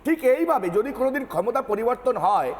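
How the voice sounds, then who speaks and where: Defiant high-voiced male party spokesman. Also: big pitch swings, fairly quick, long reverb tail. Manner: defiant, insistent, repeats himself. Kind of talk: heated television debate.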